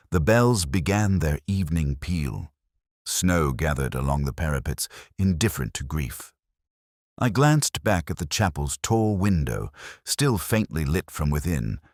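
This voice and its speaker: A man plays a melancholy, introspective detective who recounts a case in measured, reflective, literary prose. His voice is extremely deep but rises and falls expressively, heavily acted. The sound is dry and close with no room sound, fitting scripted mystery narration.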